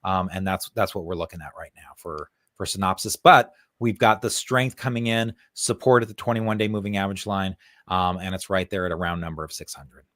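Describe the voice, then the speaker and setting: A man's voice: deep voice, fairly quick, a bit bright, dry recording, studio quality. A male co-host explaining stock charts in a casual, thinking-aloud way, with frequent fillers and repeated words. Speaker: co-host, stock market analyst. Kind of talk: conversational market analysis.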